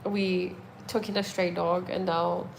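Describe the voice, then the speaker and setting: A woman's voice: fairly low pitch, little pitch movement, a little slow, vocal fry, slight background noise, rough recording. A young woman from India, chatting casually to her viewers at home in a rambling way, with lots of fillers and restarts. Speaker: vlogger.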